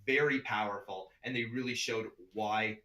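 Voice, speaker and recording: A man with a Canadian accent calling an online esports match as caster, chatty and upbeat, laughing often and getting excited on big plays. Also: fairly low pitch, normal speed. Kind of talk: play-by-play esports commentary.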